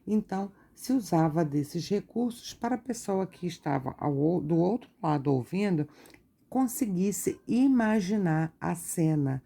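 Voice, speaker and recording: A woman teacher reads from a textbook during an art lesson and explains each point slowly, with tag questions. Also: lowish voice, expressive, gravelly, mellow.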